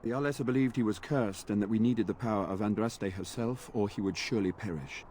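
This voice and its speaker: An actor playing an earnest, weary knight in a video game, speaking in formal, courtly phrases. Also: male voice, lowish voice, fairly quick, mellow, slight background noise, lightly acted. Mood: solemn. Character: earnest knight sworn to a noble lord, weary and dutiful. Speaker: game character.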